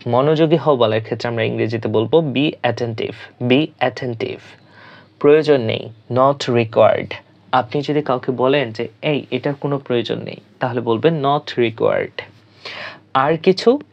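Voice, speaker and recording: A man with a Bangladeshi Bengali accent leads an online spoken English class, giving each phrase a clear, teacherly delivery and saying it twice. His voice sits in a middle pitch. The audio is a little dull and lo-fi. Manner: clear instructive delivery, repeats phrases slowly. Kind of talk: scripted lesson narration.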